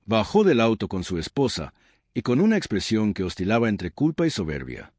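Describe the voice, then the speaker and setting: A man's voice: lowish voice, huge pitch swings, a little fast, darkish tone, no echo, clean studio sound. An older man with a Rioplatense Spanish accent, narrating a scripted story in a reflective, earnest way.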